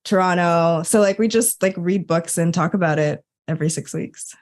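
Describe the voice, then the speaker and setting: A woman with a lowish, somewhat dark voice speaks at a normal speed as a podcast guest. She's an Enneagram coach telling stories casually and acting out her own quoted thoughts.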